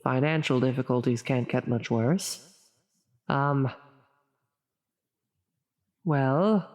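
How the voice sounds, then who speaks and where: Using a full character voice, a woman plays a menacing, grandiose female demon in an ASMR audio roleplay, her bass voice dark in tone. Heavy cavernous reverb trails her very slow, halting, ornately formal speech, and the character grows steadily more flustered and concerned.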